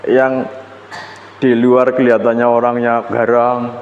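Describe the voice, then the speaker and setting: A man's voice: medium pitch, completely flat delivery, a little slow, highs cut off. Lecturing man in an echoey classroom. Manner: casual conversational lecturing with fillers and self-corrections. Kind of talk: university lecture. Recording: echoey classroom, faint room noise.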